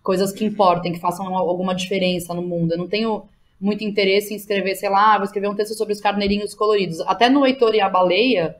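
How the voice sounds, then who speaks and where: Talking fast with barely a pause, this Brazilian playwright and theatre director is a guest on a relaxed podcast. Her mid-range voice holds a steady tone, and her speech is full of slang and frequent tag questions.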